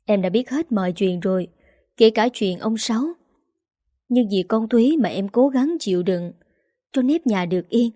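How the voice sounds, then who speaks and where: A betrayed older aunt speaks coldly and evenly, voiced by a woman narrator. Her voice is mellow and dry-sounding. It is a storybook reading. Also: mid-range voice, normal speed, no room sound, close to an everyday voice. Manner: flat, controlled. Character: older aunt, cold and stone-still after betrayal.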